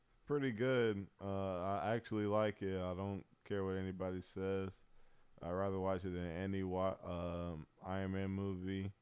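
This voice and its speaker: A male streamer giving laid-back, rambling commentary while ranking movies, with loose slang and frequent pauses. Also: sits low, a little mellow, clear, resonant tone, no room sound. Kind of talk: casual tier-list commentary.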